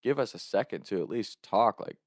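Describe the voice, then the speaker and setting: A man's voice: lowish voice, brisk, no room sound, clean studio sound. Laughing young man telling a wild story. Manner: animated, laughs often, acts out quotes. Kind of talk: casual storytelling.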